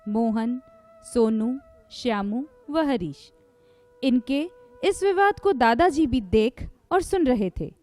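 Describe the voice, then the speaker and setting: A woman narrating a school stage play in a calm, explanatory manner. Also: fairly high pitch, slow, soft background music.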